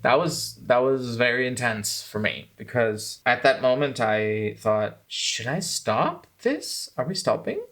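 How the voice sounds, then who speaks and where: A filmmaker who hosts a channel reflects on how he made one of his documentaries, starting thoughtful and self-critical before growing enthusiastic. His medium-pitched, slightly bright voice has lively intonation and an unhurried flow with hardly any pauses.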